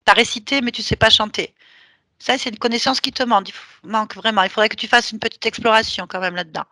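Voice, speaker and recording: A woman's voice: a little high, fairly even intonation, fast talker, bright, forceful tone, no room sound, studio quality. A woman leading a hypnosis session, giving firm, teasing commands.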